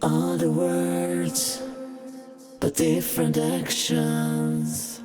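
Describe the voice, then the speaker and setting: A woman's sung vocal, pitch-shifted down seven semitones so it sounds deep, sung slowly and drawn out. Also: sing-song, over loud music. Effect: deep pitch-shifted vocal, lowered seven semitones.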